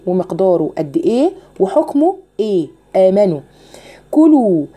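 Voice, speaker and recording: A woman with an Egyptian accent teaching a recitation lesson, asking her listeners questions and then reciting the words slowly to show each rule. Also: medium pitch, mellow. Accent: Egyptian Arabic. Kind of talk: tajweed lesson.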